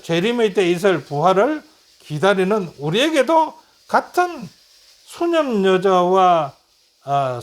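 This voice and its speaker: A middle-aged man teaching a Bible lesson, retelling stories and acting out quoted lines, asking and answering his own questions. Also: high voice.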